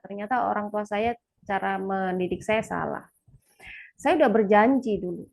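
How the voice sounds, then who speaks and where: A woman talking frankly to a live audience about her own parenting. She is chatty, laughs often, and leaps into a sharp high voice when she acts out quoted lines. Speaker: speaker sharing parenting experience. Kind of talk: casual talk to a live audience.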